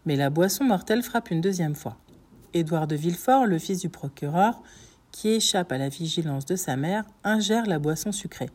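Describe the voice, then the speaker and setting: Female audiobook narrator, dark warm voice, measured dramatic telling. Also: lowish voice, husky. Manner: steady, dramatic storytelling. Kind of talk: scripted narration.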